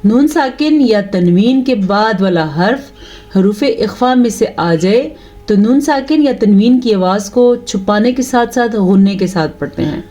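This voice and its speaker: Woman teacher, warm mellow tone, patient tajweed lesson, slow drawn-out recitation. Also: medium pitch, animated. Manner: explains rules patiently, then recites slowly and stretched.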